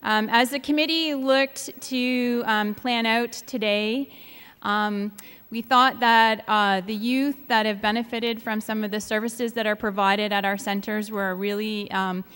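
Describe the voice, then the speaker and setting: Higher-voiced woman in an echoey hall. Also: fairly even intonation, measured pace, a bit bright. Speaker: event host introducing panel speakers. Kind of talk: formal spoken introduction. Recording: echoey hall, noisy background.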